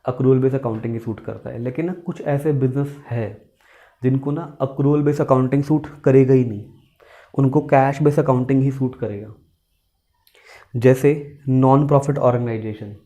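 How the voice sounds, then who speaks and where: A man's voice: mid-range voice, steady tone, a little slow, dark tone. A man teaching accountancy in a classroom lecture style, asking questions, repeating key points and mixing with English terms. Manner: explains by asking questions and repeating points, calls students "beta"; mixes Hindi with English terms.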